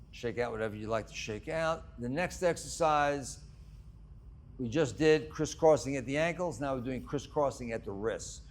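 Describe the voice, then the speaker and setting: A man guiding a breathwork and exercise class as the instructor, giving measured instructions in short phrases with long pauses. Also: medium pitch, slight background noise.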